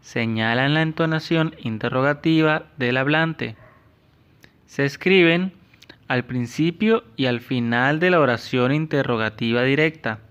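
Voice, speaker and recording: Slow-talking Ecuadorian man teaching. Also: mid-range voice, fairly bright tone, smooth. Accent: Ecuadorian Spanish. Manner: slow, careful explaining to children. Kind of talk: classroom lesson. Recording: dull lo-fi sound.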